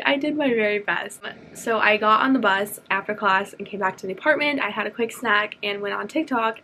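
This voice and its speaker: A woman's voice: fairly high pitch, pushed and bright, slight background noise. A young woman and college student vlogging her day in casual, upbeat chat, full of "like" fillers, filmed on a handheld camera in her dorm and around campus. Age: young adult. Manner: chatty and upbeat, with frequent "like" fillers. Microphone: handheld camera held close.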